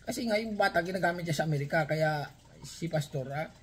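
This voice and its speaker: Man, from the Philippines, channel host, casual reaction commentary, somewhat high voice, husky, rambling, chatty asides. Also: lively intonation, fast talker. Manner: rambling, chatty, full of hesitations and rhetorical asides.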